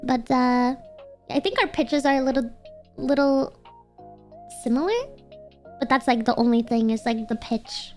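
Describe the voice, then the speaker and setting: High, girlish, nasal cute anime streamer woman. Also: a little slow, pauses often, faint music behind. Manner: cute anime-streamer delivery, excitable and projected. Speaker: VTuber livestreamer. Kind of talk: casual livestream chat with viewers.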